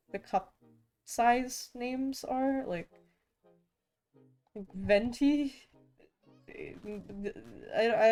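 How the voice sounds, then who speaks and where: A young woman with a fairly high, slightly mellow voice streams as a VTuber artist, chatting casually with her viewers while she draws. She often stutters and restarts her sentences.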